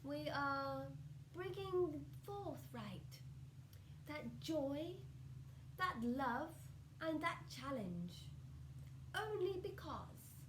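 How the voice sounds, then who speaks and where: A woman channelling a benevolent, solemn spirit collective like a seance medium, speaking in deliberate, drawn-out phrases with hushed endings and loving guidance. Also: high-pitched, heavily acted. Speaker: trance channeller answering audience questions. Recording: roomy echo with faint background noise.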